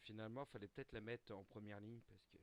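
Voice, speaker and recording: A man's voice: fairly low pitch, fast talker, no echo. A man playing a tabletop role-playing game, cracking crude jokes and bantering with the others. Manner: joking, crude banter, lively swings. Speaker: player. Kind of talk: casual tabletop role-play.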